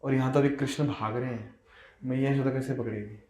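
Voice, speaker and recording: Expressive male devotional storyteller, echoey room. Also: medium pitch, fairly quick. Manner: expressive storytelling with rhetorical questions. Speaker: devotional speaker. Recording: roomy echo.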